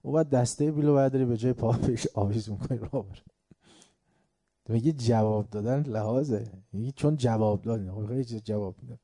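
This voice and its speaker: Very dark-voiced man giving an emphatic religious lecture. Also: mid-range voice, no echo, clean studio sound. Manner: emphatic, repeats word lists, asks rhetorical questions; tells folk anecdotes, acting out the characters.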